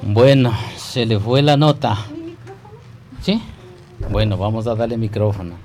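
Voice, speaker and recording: A man's voice: on the low side, unhurried, a little mellow. A man hosting a live radio show, chatting casually and hesitating with many fillers. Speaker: radio host. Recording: faint background noise.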